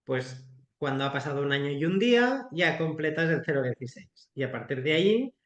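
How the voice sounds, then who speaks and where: Brief: male investor, blunt and chatty, slightly high voice, echoey room. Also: brisk. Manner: frank, colloquial, animated explanations with quoted asides. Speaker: startup investor and guest expert. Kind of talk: explanatory webinar talk.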